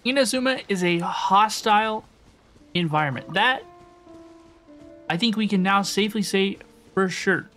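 Music sits under this casual live-stream, where a young woman comments on her gameplay and chats with viewers, frequently saying the same phrases again. She takes her time, leaving long pauses, in a mid-range and somewhat bright voice.

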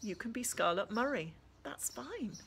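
A woman reading the lines of a calm, patient adult woman who speaks softly and reassuringly. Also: a little high, unhurried, gravelly, slight background noise, pitched above the performer's own voice, full character voice.

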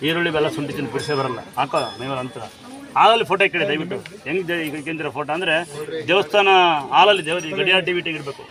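With crowd noise around him, a man with a slightly high, racing voice offers blessings and home remedies to devotees on outdoor temple grounds. He repeats his instructions in a commanding way.

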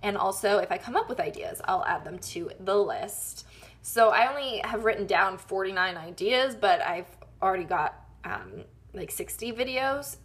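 Chatty young woman with Wisconsin twang. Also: medium pitch. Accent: Wisconsin, slipping in at times. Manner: chatty and rambling, with frequent ums and laughs at herself. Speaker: YouTube vlogger. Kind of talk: casual planner walkthrough vlog.

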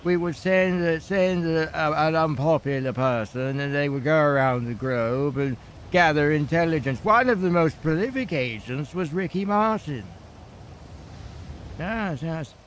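A lonely, doddery old British grandfather faked by a younger-sounding man in an online role-play game. He stammers, repeats himself and rambles in a slightly high voice. Some ambient vehicle noise sits behind him. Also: measured pace, close to an everyday voice. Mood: reminiscing.

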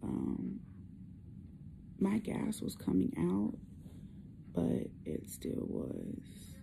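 A young woman chatting casually to camera, weak after surgery, with a hoarse, partly lost voice and a subdued, halting, effortful delivery. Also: medium pitch, huge pitch swings. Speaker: vlogger. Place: small hospital room, indoors. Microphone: phone at arm's length. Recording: noisy hospital room phone recording.

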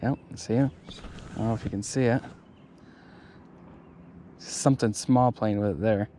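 A young man chats easily to his viewers as he fishes from a kayak out on a lake. His voice is mellow and low-key, picked up by an action camera he wears, with a faint hiss of open air around him. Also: normal speed. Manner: relaxed, chatty, talks to viewers. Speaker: fishing vlogger. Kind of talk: casual narration while fishing. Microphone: head-mounted action camera.

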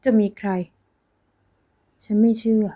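A woman voicing a shrill, jealous pregnant ex-lover who shrieks her accusations in a storybook reading. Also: slow, warm tone, natural voice. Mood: shrill accusing.

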